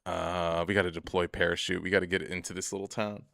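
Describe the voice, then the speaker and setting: Fast and level, his low, gravelly, somewhat bright voice carries this young streamer's rambling, swear-filled chatter about his own life as he plays. Frequent laughter punctuates the commentary, recorded cleanly in a studio with no echo.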